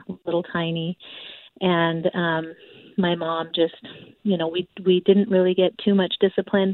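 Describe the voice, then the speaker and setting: A woman calling in to a radio show over a phone line, talking in a hesitant, candid way with frequent pauses. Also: fairly low pitch, no room sound. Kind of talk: call-in conversation. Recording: dry tinny phone line.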